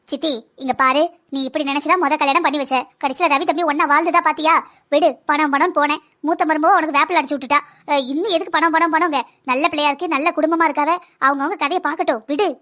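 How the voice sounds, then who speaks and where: A woman voices a group of bickering village women in a cartoon. They speak quickly and in a high register, with a southern Tamil accent, and their manner is gossipy and scolding. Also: pushed and bright. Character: village women bickering over a son's second marriage. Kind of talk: cartoon dialogue.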